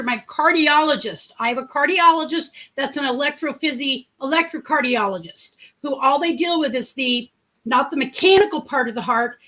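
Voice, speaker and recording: A middle-aged woman hosts a livestream, rambling through a story and replying to comments from her chat. Her big voice is high-pitched and bright with a forceful edge, and the recording is rough.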